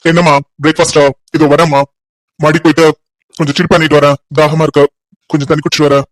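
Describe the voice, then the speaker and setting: A woman voicing a calm, easygoing young adult son in a cartoon story, speaking mildly and evenly. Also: low voice, fast talker, no room sound, pitched below the performer's own voice, lightly acted, low-quality recording.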